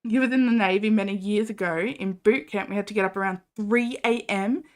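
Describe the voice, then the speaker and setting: Chatting with her viewers as she streams a game, a young woman speaks briskly in a mid-range voice. The casual live-stream talk wanders along with plenty of laughs and filler words.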